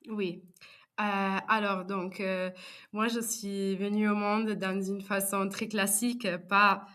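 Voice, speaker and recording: A woman's voice: medium pitch, flat delivery, takes it slowly, a bit bright. A young woman speaking French, telling her story as a podcast guest with many hesitations. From Italy. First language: Italian. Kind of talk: personal interview.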